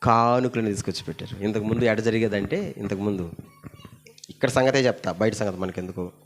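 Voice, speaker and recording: A male pastor giving a sermon in a church, calling the congregation to repeat his words and to shout them louder. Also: a little fast, slight background noise. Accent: Telugu. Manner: calls the congregation to repeat and shout, pitch climbing loud. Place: church hall.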